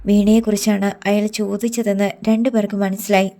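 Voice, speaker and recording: Audiobook narrator: woman, mellow and steady, plain even storytelling. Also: medium pitch, fairly quick.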